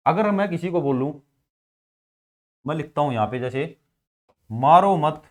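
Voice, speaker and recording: At normal speed, an Indian man whose voice is a little high and expressive teaches school grammar in a Haryanvi Hindi accent, answering the questions he puts to the class himself.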